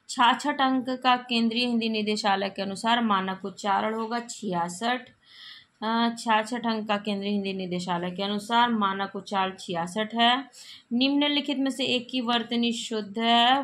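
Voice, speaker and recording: A woman's voice: on the high side, fairly bright tone. A woman teaching Hindi grammar, reading out exam spelling questions and explaining the correct forms, often repeating them with the odd cough.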